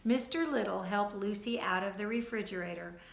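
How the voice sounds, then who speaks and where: A woman teacher reading a storybook aloud to children, expressive and speaking to them directly. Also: medium pitch, normal speed, creaky, echoey room.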